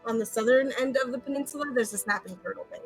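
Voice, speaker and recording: Woman gamer in casual in-character talk; hesitant, informal, somewhat high pitch, faint music underneath. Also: creaky. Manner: informal, halting. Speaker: tabletop game player. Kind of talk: casual in-character game chat.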